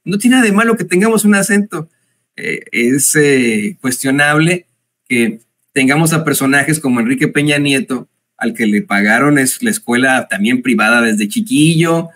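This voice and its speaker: A Mexican man with a Mexican accent giving indignant, mocking political commentary, pausing often with hesitant fillers. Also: mid-range voice, animated, a bit bright.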